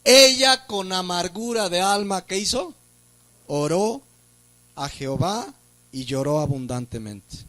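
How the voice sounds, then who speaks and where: A male pastor with a Mexican Spanish accent delivers a sermon in a noticeably high voice. He leans on rhetorical questions and lifts his voice to stress key points. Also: lively intonation, slow, pushed and bright. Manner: preaching with rhetorical questions and emphatic rises. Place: church.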